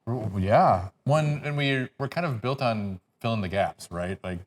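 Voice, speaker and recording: A man co-hosting a podcast as its producer, giving short supportive replies and talking with halting restarts. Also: medium pitch, animated. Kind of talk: casual podcast conversation.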